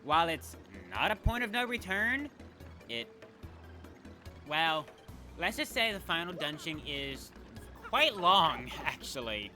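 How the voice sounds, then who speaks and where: A let's play gamer speaks slowly with long pauses, his fairly high voice pushed and bright and swinging widely in pitch. He comments casually and ramblingly on his gameplay, often self-correcting mid-sentence, as game music plays.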